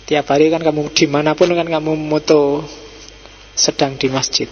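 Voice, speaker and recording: A middle-aged man with a Javanese accent giving a relaxed, teasing philosophy lecture to a study circle in a mosque, slipping into Javanese asides. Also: a little high, normal speed. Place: mosque hall. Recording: dull echoey hall recording with faint hum.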